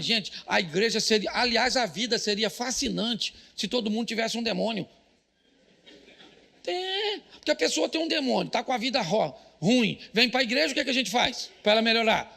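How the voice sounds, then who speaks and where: Brazilian pastor guy, high gravelly voice, jokey fast sermon w/ shouted punchlines. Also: expressive. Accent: Brazilian Portuguese. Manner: jokey, rapid-fire preaching with shouted punchlines and audience call-outs. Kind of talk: live church sermon.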